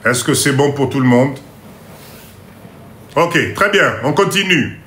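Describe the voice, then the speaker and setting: A man giving a live class on import-export, going slowly, repeating each point, checking that everyone follows, and joking about his own English. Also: medium pitch, animated, a bit bright, roomy sound, a little hiss or hum. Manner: mixes in Lingala phrases and jokes about his English. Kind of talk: live online lesson.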